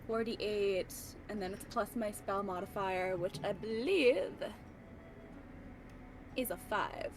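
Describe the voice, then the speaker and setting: A woman's voice: medium pitch, slow, background noise. A woman player in a casual tabletop game, improvising in and out of character.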